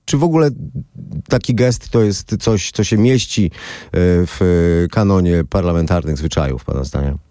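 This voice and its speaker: Low-voiced male radio interviewer. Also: moderate pace, mellow, no room sound, studio quality. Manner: probing, persistent questions. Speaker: interviewer host.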